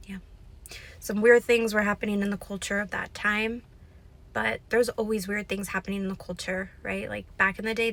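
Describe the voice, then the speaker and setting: A young woman records a casual vlog on her phone, chatty and a little preachy as she talks about faith. Her voice stays fairly even and flat in pitch. She keeps checking in with "right?" and leans on "like.". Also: poor audio. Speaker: vlogger. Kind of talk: casual vlog chat and Bible retelling.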